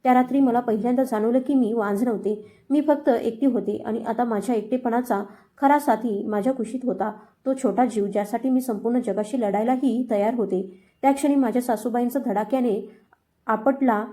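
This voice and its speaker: A woman tells a heartfelt first-person story in a dramatic, emotional reading. Her voice sits a little high, with a soft, mellow tone. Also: fairly quick.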